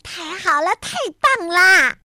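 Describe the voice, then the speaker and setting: A woman's voice: very high voice, steady tone, slow, pushed and bright, dry recording, voice pushed up, full character voice. Woman playing a whiny little animal boy. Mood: delighted.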